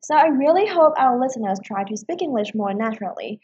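Woman co-host, friendly explanations, higher-pitched, breathy voice, lo-fi muffled recording. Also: lively intonation, drawn-out words. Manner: friendly, explanatory, frequent soft "uh-huh" fillers. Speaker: podcast co-host and English teacher. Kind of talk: casual bilingual podcast chat.

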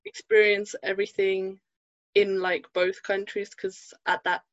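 A German woman in her twenties, a podcast guest, chats casually and hesitantly in an interview, with lots of fillers and restarts. Her mid-range voice is flat and a little slow. The recording has no room sound, and the highs are cut off.

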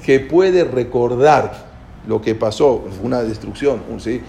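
A man giving an informal history lecture, halting and repeating words as he goes and often checking in with his listeners. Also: mid-range voice, creaky, dark tone, a little hiss or hum. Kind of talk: informal spoken lecture with storytelling.

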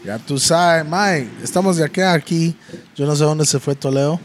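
Laid-back Costa Rican host. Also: male voice, a little high, normal speed, crowd noise. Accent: Costa Rican Spanish. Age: 30s. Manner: laid-back, slangy banter. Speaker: podcast host. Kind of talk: casual podcast chat.

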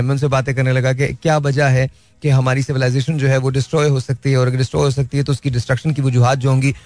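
A man's voice: mid-range voice, darkish tone, dry recording. A man talking in a casual, reflective way, earnest and mixing in English phrases. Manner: earnest, mixes in English phrases, laughs lightly. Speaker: speaker sharing life views.

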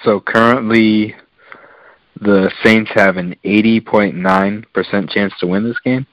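A man's voice: on the low side, steady tone, measured pace, no echo, low-quality recording. A man co-hosting a casual sports podcast, talking in detail and with enthusiasm, with lots of fillers. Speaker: podcast co-host.

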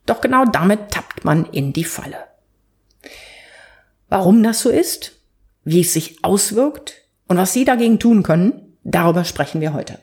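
A woman's voice: medium pitch, animated, moderate pace, a little mellow. A woman hosting a podcast, presenting and chatting in a structured, explanatory way with vivid examples. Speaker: podcast host.

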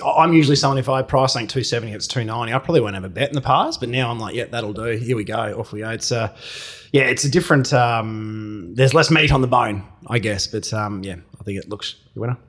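A man's voice: mid-range voice, fast talker, a bit bright. An Australian man co-hosting a racing podcast, giving confident, emphatic tips in casual chat.

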